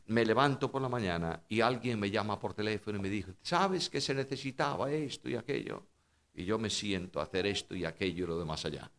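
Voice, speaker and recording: A middle-aged man from Spain with a Spanish accent, preaching a sermon and shifting from quiet storytelling to loud, emphatic passages. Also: on the low side, animated, brisk, creaky.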